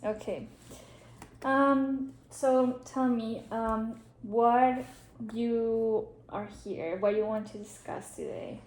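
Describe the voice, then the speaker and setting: Acting as a counselor in a staged therapy session, this woman, whose first language is Spanish, asks gentle questions punctuated by pauses and ums. Her voice is on the high side with a steady tone, and there's a roomy echo.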